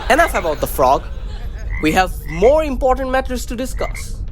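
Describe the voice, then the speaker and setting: A man's voice: very high-pitched, very animated, moderate pace, noisy background. A man playing a self-important, lovesick starship captain in a sci-fi comedy audio drama. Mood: pompous, commanding. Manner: pompous. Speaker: ship captain.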